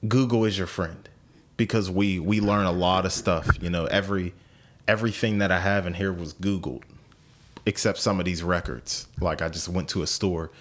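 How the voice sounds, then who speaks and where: This podcast host is an American man in his late twenties with a deep voice, fairly even intonation, and normal speed. He talks casually, thinking out loud and often repeating himself or starting over. There is slight background noise.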